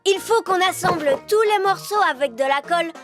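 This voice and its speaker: High-pitched, earnest little elf boy. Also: fairly quick. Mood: keen, helpful. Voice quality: boyish, childlike. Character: earnest, cautious young elf boy, good-natured. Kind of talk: French cartoon dub. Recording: children's music behind the voice.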